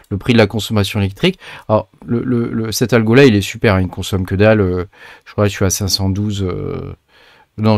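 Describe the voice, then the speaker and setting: Low-voiced man talking through a hesitant screen tutorial. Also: darkish tone, no echo, studio quality. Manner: hesitant, lots of filler sounds and restarts; chatty, addresses viewers directly. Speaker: crypto mining tutorial host. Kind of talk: casual screen-share tutorial.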